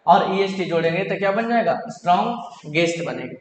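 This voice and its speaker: A man's voice: sits high, lively intonation, a little fast. A man teaching an English grammar lesson in Hindi, asking questions and answering them himself in a repetitive drilling way. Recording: echoey hall, roomy reverb.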